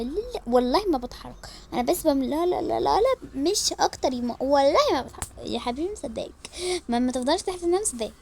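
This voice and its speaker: A woman with an Egyptian accent and a high, light voice acts out a household role-play story. She hops from one family member's voice to the next with hardly a pause, and a faint hiss runs under her. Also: creaky, a little mellow. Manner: switching quickly between family character voices. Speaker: storyteller voicing all characters.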